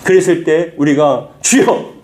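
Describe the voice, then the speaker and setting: A middle-aged man preaching a Sunday sermon with a somewhat high voice. He repeats key phrases for weight and climbs to forceful high peaks. He slows right down to read scripture aloud. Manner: reads scripture slowly with the congregation. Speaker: pastor.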